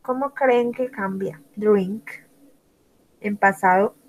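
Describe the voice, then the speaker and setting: A woman's voice: medium pitch, takes it slowly, low-quality recording. A woman teaching an English lesson, spelling out words letter by letter and praising students by name. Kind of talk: online language lesson.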